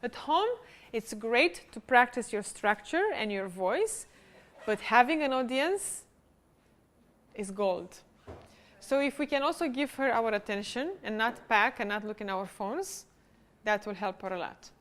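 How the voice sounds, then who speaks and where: A woman runs a pitch workshop, encouraging and directive as she coaches. Her voice sits a little high. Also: expressive, a little slow, fairly bright tone.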